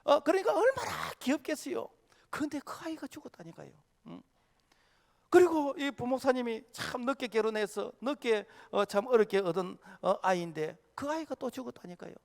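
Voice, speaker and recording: High-voiced male pastor preaching, lots of "uh"s, loud then hushed, big echoey church hall. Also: expressive, normal speed, vocal fry. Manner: impassioned preaching with many filler "uh"s, swinging from loud to hushed. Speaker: senior pastor. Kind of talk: sermon. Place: church sanctuary. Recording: long hall reverb of a church sanctuary.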